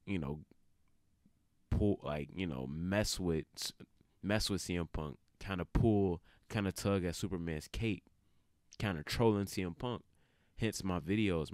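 A man giving casual, opinionated commentary as a video creator, colloquial and full of halting asides. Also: low voice, darkish tone, no echo, studio quality.

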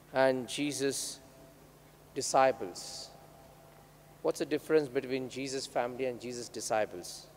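Priest in an echoing church. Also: male voice, medium pitch, darkish tone. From India. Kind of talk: gospel reading and homily. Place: large indoor church, at the altar. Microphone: gooseneck microphone on altar. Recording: echoey church hall, audible background noise.

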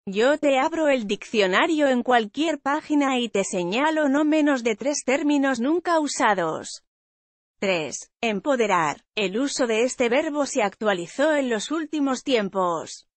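A woman's voice: high voice, expressive, a little slow, no echo. Woman reading news in a dry voice. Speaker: news reader. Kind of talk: reading a news article aloud.

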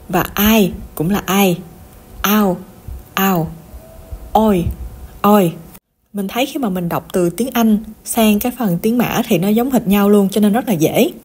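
A woman giving a pronunciation lesson, slowly drilling syllables one at a time and then explaining them plainly. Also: medium pitch, mellow, slightly rough. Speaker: language teacher vlogger.

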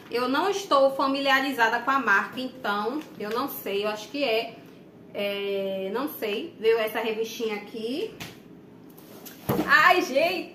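A woman's voice: a little high, pushed and bright. A young woman from Brazil with a Bahian accent, chatting casually to viewers while unboxing in a small room, recorded on a camera mic. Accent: Bahian Brazilian Portuguese. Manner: chatty, addresses viewers often. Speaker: vlogger. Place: small room indoors, plain wall. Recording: echoey room, faint background noise.

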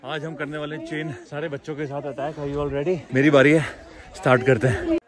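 A man's voice: a little high, steady tone, fairly quick, crowd noise. A man filming a casual vlog on his phone at a hill resort, teasing friends and mixing in English. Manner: joking, teasing, mixes Hindi with English. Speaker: vlogger. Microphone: handheld smartphone.

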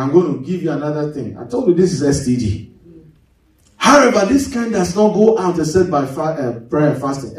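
Fairly high in pitch yet darkish in tone, this pastor's voice fills a church as he preaches. He puts call-and-response questions to the congregation and repeats key words to stress them, recorded from a distance in a very echoey hall.

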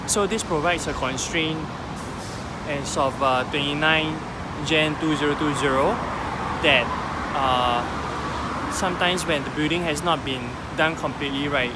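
A man's voice: a little high, a little slow. A man, a feng shui consultant thinking aloud in a selfie vlog outdoors, filmed on a phone held at arm's length. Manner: explanatory, thinks aloud with fillers. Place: outdoors by a busy road. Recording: loud street traffic noise behind.

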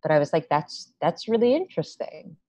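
Deep-voiced young woman on a video call. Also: sing-song, fairly quick, dark tone, dry recording. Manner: chatty, many fillers and restarts. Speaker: playwright guest. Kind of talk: casual video-call interview. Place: small room at home. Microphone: laptop webcam on video call. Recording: dry, dull video-call audio.

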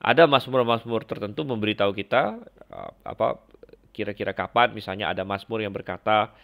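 A man teaches a Bible lesson in a fairly low voice, reading verses and then explaining them with pauses, fillers and restarts. The recording is dull and lo-fi. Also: vocal fry. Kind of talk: lecture comparing Bible passages.

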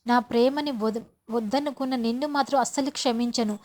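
A woman's voice: fairly high pitch, brisk, darkish tone, close to an everyday voice. A woman voicing a jealous, spiteful young woman who speaks bitterly and threatens in a serial retelling.

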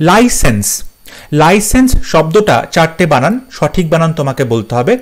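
A man runs an exam-prep spelling lesson, his voice pitched a little high. He spells each word out letter by letter and says it several times. He speaks straight to his students. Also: sing-song, normal speed. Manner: spells words out letter by letter and repeats them; addresses students directly. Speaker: English teacher.

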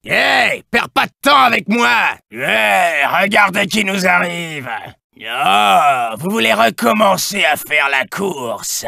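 A man voicing a big, fat, boisterous clown brute in a video game, taunting and protective of his little pal, with a raspy, gravelly voice. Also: high voice, animated, takes it slowly, hardly any pauses, no echo, clean studio sound, heavily acted. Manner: loud, taunting, jovial. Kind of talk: exaggerated video game character acting.

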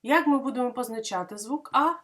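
A woman kindergarten teacher giving a literacy lesson to young children, explaining patiently and clearly with many questions. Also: on the high side, a little fast, a bit bright, a little hiss or hum.

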